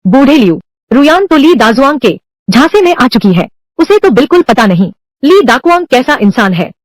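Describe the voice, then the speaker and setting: Dubbing an entire drama alone, a woman reads every male and female role in the same unchanged voice, which is high and bright. Her pitch jumps up and down in animated swings at normal speed, and the sound is close and totally dry, with no echo.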